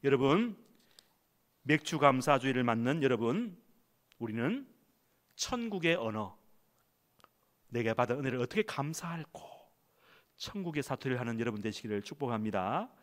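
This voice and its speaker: A man's voice: medium pitch, sing-song, normal speed, long pauses. A male pastor preaching a sermon in a church, emphatic and calling the congregation to read along with him. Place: church sanctuary.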